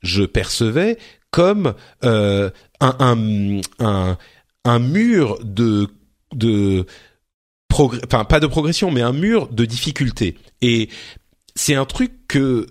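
A man's voice: mid-range voice, big pitch swings, slow pace. A man working as an interviewer in a casual conversational style, phrasing things in a tentative, roundabout way.

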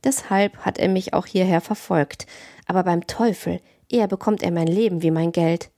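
A woman voicing a cynical, menacing male criminal in a calm, domineering audiobook reading. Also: on the low side, normal speed, no room sound, clean studio sound, natural voice. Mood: smooth. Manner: cold, domineering.

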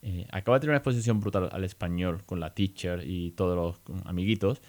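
A man with a Spain accent hosts a casual podcast monologue in a fairly low voice. He talks in a lively, chatty way and slips English phrases in between. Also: fast. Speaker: podcast host.

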